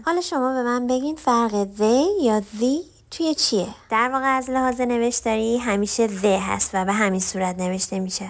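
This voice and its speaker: Woman as online language teacher; patient, repeats examples slowly, quizzes viewers. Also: mid-range voice. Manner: quizzes viewers and praises their answers. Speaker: English teacher.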